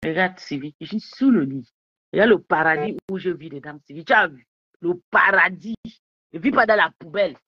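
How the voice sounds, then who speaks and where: A woman's voice: fairly low pitch, brisk, breathy edge, no room sound, muffled recording. A woman on a casual live stream from her bedroom, sipping wine as she boasts, taunts rivals and keeps asking her viewers if they understood. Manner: rambling with repeated questions to viewers. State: drinking wine while talking.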